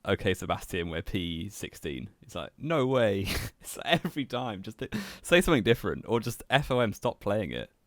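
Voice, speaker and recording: A young man co-hosting a casual motorsport podcast, relaxed and teasing, laughing often. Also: medium pitch, normal speed, few pauses, dry recording, studio quality. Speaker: podcast co-host. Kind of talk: casual chat.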